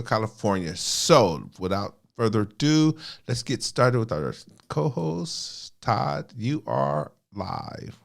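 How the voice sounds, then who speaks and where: A man's voice: a little high, creaky. Groggy guy hosting a chatty web show, voice bouncing all over, laughs a lot. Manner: playful, laughs often, teasing. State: groggy from early morning. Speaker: host. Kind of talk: casual online talk show chat.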